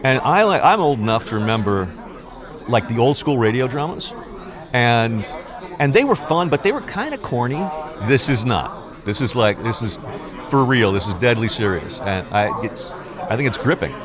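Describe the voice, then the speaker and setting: Older man, lively intonation, in a crowd. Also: medium pitch, normal speed. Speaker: actor being interviewed. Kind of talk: casual interview talk. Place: busy convention. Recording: busy convention crowd noise. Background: crowd chatter.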